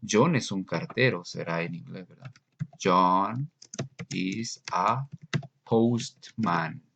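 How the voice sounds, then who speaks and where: A man teaching English grammar in a recorded lesson, slowly and patiently explaining and repeating examples. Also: deep voice, gravelly, a bit bright, slight background noise.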